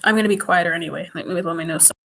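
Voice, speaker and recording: A woman's voice: on the low side, rapid-fire, vocal fry, fairly bright tone. Chatty, giggly young woman vlogger. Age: young adult. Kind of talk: casual chat to viewers. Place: home. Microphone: computer mic up close.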